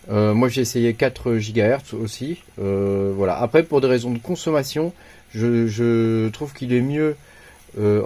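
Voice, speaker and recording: A man walks through a computer tutorial in a loose, informal way, stopping often on fillers and restarting his sentences. His voice sits at an ordinary pitch, with soft keyboard typing faintly audible behind him. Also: slight background noise. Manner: hesitant, many fillers and restarts; informal, slangy. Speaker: tech tutorial host. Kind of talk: casual screen-recorded tutorial.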